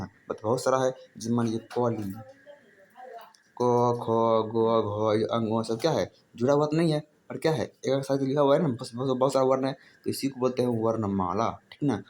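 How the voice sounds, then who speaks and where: A man with a medium-pitched, slightly mellow voice teaches Hindi grammar in a relaxed classroom manner, with a little background noise behind him. He repeats points, poses questions and answers them himself, and calls his listeners "brother."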